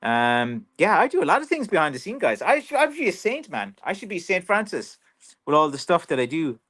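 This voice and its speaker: A man's voice: a little high, very animated, a little fast, fairly bright tone. An Irish man who makes walking sticks for a living, chatting casually on a livestream, rambling with lots of fillers. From Ireland. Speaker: professional stick maker. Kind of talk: casual livestream chat reading viewer comments.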